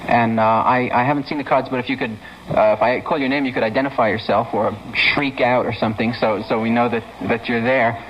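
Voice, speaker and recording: A man's voice: medium pitch, steady tone. Male talk show host, mid-range voice, hesitant and stammering, casual comic patter, dull noisy vintage TV sound. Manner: halting, stammering, self-interrupting. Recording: dull, noisy 1970s TV studio.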